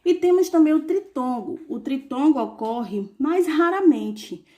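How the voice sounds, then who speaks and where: A woman teacher reviewing a lesson for young pupils, saying examples slowly and asking rhetorical questions. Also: high-pitched, expressive, dark tone. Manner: slow, clearly spelled-out examples with rhetorical questions.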